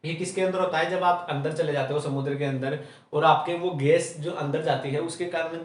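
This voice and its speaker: A man's voice: a little high, steady tone, a little fast. A male chemistry teacher from Rajasthan, giving a classroom lecture, asking rhetorical questions and answering them himself, ending almost every point with "theek hai". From Rajasthan, India. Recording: roomy echo, mic at a distance.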